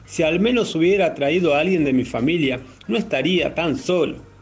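A man's voice: a little high, moderate pace, husky, soft background music. A man with an Argentine accent reading aloud the lines of a lonely, stubborn old grandfather in a children's legend. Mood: wistful. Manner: plain read-aloud delivery.

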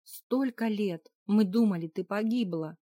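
A woman reading a man's part as a loud, effusive long-lost brother who gushes and exclaims. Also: mid-range voice, measured pace, dry recording, studio quality, lightly acted. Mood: gushing.

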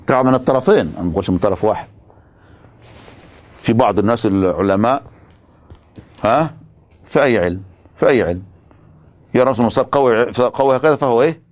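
Man, lecturer, religious philosophy class, very quick delivery, mid-pitched, emphatic, rhetorical questions. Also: expressive.

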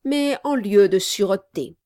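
A woman's voice: medium pitch, a little slow, mellow, dry recording, studio quality, natural voice. A woman voicing a formal, triumphant male notary who speaks firmly and emphatically, in an audiobook. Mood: stern. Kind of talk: audiobook reading.

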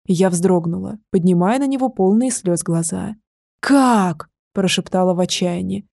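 A woman narrating a novel in the first person with steady, intimate storytelling. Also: lowish voice, normal speed, gravelly, no echo, studio quality. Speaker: audiobook narrator.

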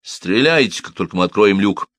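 A man's voice: on the low side, lively intonation, normal speed, a bit bright, dry recording, clean studio sound. A man reading the part of a stern male officer barking short commands. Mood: commanding. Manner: curt, giving orders.

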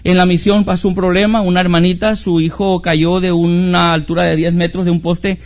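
A man's voice: high-pitched, level tone, brisk. A middle-aged man preaching as a pastor, earnest, with rhetorical questions and repetition. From Mexico. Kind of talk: sermon.

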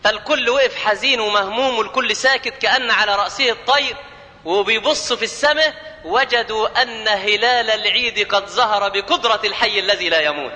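A man with an Egyptian accent preaches in a very high, sharp, bright voice. He jokes and keeps putting questions to the congregation, and he breaks into chanted scripture. His voice rings with a long reverb, as if in a large hall. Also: brisk. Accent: Egyptian Arabic. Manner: jokey, asks the audience questions, chants scripture. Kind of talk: lively colloquial sermon.

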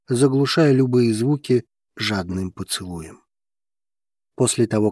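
A man narrating an audiobook in a measured, even reading manner. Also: lowish voice, dry recording, clean studio sound.

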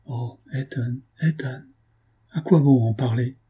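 A man reading an audiobook, voicing a gentle, heartbroken young woman who speaks softly and tremulously. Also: mid-range voice, measured pace, breathy edge. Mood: tender. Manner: soft, trembling, tearful.

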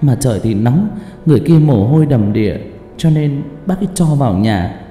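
A man's voice: mid-range voice, animated, moderate pace, warm tone, voice pushed up, lightly acted. A man voicing a frightened young woman in a horror story, her telling pleading and breathless. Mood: distressed. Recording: echoey hall, long reverb, faint music.

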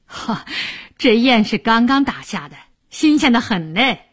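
A woman's voice: a little high, animated, measured pace, husky. A woman doing a cheerful young noble wife. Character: cheerful young married noblewoman, sister-in-law.

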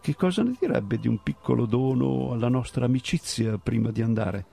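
A man reading aloud and voicing an older customs officer who talks slowly in a smooth, falsely friendly way, with a gravelly, husky voice. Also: mid-range voice, expressive, dark tone, exaggerated voice. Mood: scheming. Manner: smooth, falsely affable, drawn out. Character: smiling, scheming older male customs officer.

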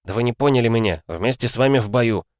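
A man's voice: medium pitch, animated, fast talker, no room sound, clean studio sound, pitched above the performer's own voice, natural voice. A man voicing an earnest, idealistic young male lieutenant who speaks solemnly.

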